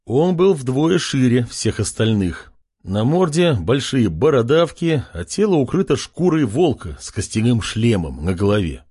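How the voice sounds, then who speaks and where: A man narrates a fantasy audiobook in a scripted, measured way. His voice is husky. His pitch moves lively through the sentences.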